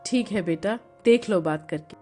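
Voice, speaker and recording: A woman voicing a patient, long-suffering mother-in-law with a weary, gentle manner, in a storybook narration. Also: fairly low pitch, moderate pace, breathy edge, faint music behind, pitched below the performer's own voice.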